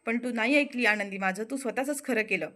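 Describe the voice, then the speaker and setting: A woman's voice: on the high side, a little fast, bright, forceful tone. A woman voicing a regretful man who reproaches someone and blames himself.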